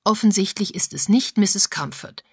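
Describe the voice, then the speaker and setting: A woman's voice: medium pitch, expressive, normal speed, vocal fry, breathy edge, no room sound, clean studio sound. A woman reading an agitated lady sleuth. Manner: agitated, pressing.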